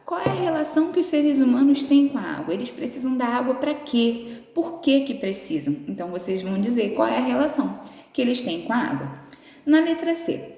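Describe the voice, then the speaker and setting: Patient Brazilian teacher in an echoey room. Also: female voice, a little high, very animated, vocal fry, dark tone. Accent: Brazilian Portuguese. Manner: patient, explains slowly, affectionate diminutives. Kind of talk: remote class lesson. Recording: echoey room with long reverb.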